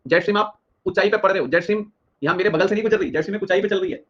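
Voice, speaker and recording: A young man leads a live exam-prep geography lecture, quizzing his students and chanting each answer back several times. He talks very fast in a somewhat high voice. The sound is dull and slightly lo-fi. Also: a bit bright. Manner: drills questions, repeats answers rapidly, addresses students directly. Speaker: teacher.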